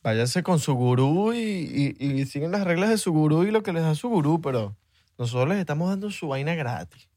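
Easygoing man with a higher voice. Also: animated, a little fast, darkish tone, dry recording, studio quality. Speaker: podcast co-host. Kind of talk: casual podcast banter.

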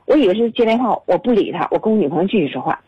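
A woman's voice: medium pitch, animated, rapid-fire, husky, no echo, muffled recording. Agitated woman caller in her forties. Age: 40s. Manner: tearful, agitated storytelling. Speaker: radio caller. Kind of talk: emotional phone-in confession. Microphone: phone.

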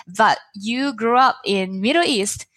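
A woman's voice: a little high, a little slow, bright, forceful tone, dry recording. A woman interviewing a guest with short, direct questions.

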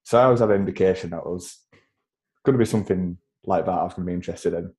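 Podcast guest: Yorkshire man in his twenties, deep mellow voice, chatty and self-deprecating. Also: racing. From Yorkshire, England. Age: 20s. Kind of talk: casual interview chat.

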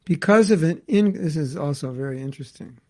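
A man's voice: on the high side, lively intonation, fairly quick, mellow. A man teaching a scripture class, reading passages aloud and explaining them in casual asides. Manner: reads a passage then comments in casual asides.

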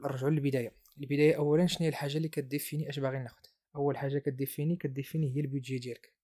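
This man has a medium-pitched, mellow voice and a Moroccan Arabic accent. He hosts an informal explainer podcast and mixes French terms into his speech.

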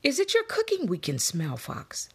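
A woman's voice: high voice, huge pitch swings, normal speed, pitched above the performer's own voice, heavily acted. A woman voicing a shy, polite female stork who hesitates and speaks graciously, in a read-aloud storybook. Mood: eager.

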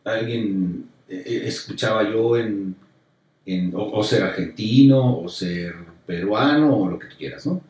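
A man from Mexico with a Mexican accent, a pastor in a casual conversation about faith, animated and repeating himself as he acts out quotes. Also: on the low side, a little slow. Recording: very echoey room, distant mic.

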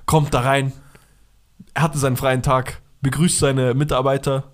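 A man's voice: mid-range voice, flat delivery, unhurried. A man, co-hosting a podcast and telling a funny story in playful, slangy chat. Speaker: podcast co-host.

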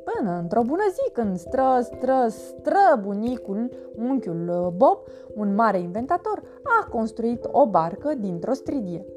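A woman's voice: a little high, hardly any pauses. A woman playing a bouncy little boy earthworm. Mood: cheerful. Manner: lively, playful, animated storytelling. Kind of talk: storybook narration in character. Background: background music.

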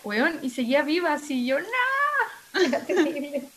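A woman's voice: high-pitched, brisk, crowd noise. A young woman with a Chilean accent, chatting casually and dramatically, with lots of slang. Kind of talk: casual chat.

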